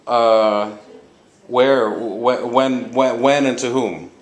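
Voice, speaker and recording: A man's voice: medium pitch, very slow. A man interviewing two older men, stumbling over his questions and repeating their answers back. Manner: hesitant, restarts questions, echoes answers back. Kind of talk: informal interview.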